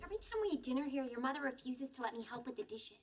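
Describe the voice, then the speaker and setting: An actress playing an exasperated, nagging young wife in a sitcom. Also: female voice, sits high, expressive, very fast. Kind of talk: sitcom acting. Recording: faintly noisy TV sitcom clip.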